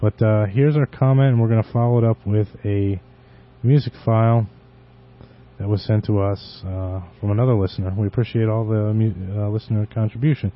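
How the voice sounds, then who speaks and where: A man hosting a show with casual, unscripted talk in a halting, rambling manner. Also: on the low side, steady tone. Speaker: podcast host. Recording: dull lo-fi internet radio audio.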